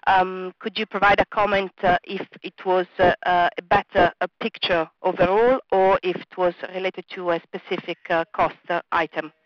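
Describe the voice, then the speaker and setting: A woman's voice: fairly low pitch, little pitch movement, normal speed, hardly any pauses, no room sound. A woman financial analyst asking polite, careful questions on an earnings conference call. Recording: dry, muffled phone line.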